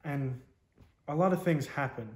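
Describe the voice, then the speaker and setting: A man, a military veteran, giving a reflective, halting personal testimony in an interview. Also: on the high side. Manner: reflective, halting, frequent "you know". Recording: roomy echo.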